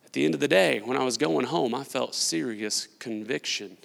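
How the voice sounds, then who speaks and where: A male pastor delivers a sermon in a large church hall, his voice bright and edged with a gravelly fry. He moves between loud, emphatic preaching and quiet, confessional storytelling. A long reverb from the hall trails each phrase. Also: medium pitch, moderate pace.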